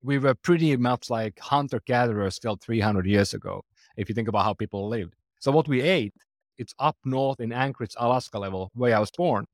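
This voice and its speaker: A man's voice: medium pitch, brisk, dry recording, studio quality. A man in his forties with a Finnish accent, a startup founder talking earnestly in a conversational interview, phrasing loosely with restarts. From Finland. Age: 40s.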